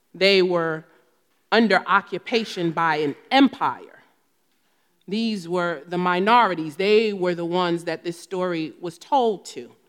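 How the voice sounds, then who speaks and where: A woman with a New Jersey accent preaching a sermon, telling stories and rising to emphatic bursts when she reads scripture. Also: medium pitch. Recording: long hall reverb.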